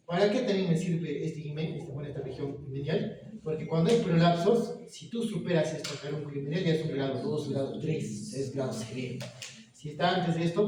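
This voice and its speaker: A man giving a medical lecture in a classroom, often asking the students whether they follow. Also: on the high side. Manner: questioning, checks understanding often. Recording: echoey room from far off, noisy.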